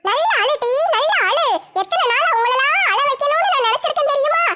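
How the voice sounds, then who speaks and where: A woman's voice: extremely high pitch, quick pace, pushed and bright, voice pushed up. A woman voicing a scheming, gossipy village woman, talking in a gloating sing-song.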